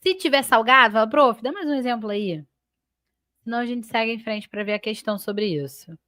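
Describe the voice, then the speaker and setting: In a live online grammar class, a Brazilian woman with a fairly high, animated voice speaks briskly and with a sharp edge. She walks her students through each step, checks in with them often, and draws out and stresses key terms as she labels the parts of each sentence in her Brazilian Portuguese accent. The recording is dry and clean, with studio sound.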